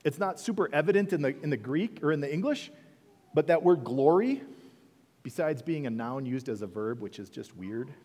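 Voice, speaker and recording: A male pastor preaching in a chatty, questioning way, his fairly high voice swinging lively up and down. A long church reverb hangs on every phrase. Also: normal speed. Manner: conversational preaching, rhetorical questions, dips soft then rises. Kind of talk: sermon.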